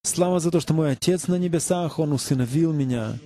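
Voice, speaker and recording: A man's voice: a little high, fairly quick, mellow. A man preaching a sermon, earnestly asking the congregation questions. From United States.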